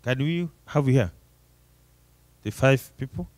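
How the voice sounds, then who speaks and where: A man's voice: medium pitch, animated, unhurried, darkish tone, no room sound. A man moderating an event session in an informal, conversational and encouraging way.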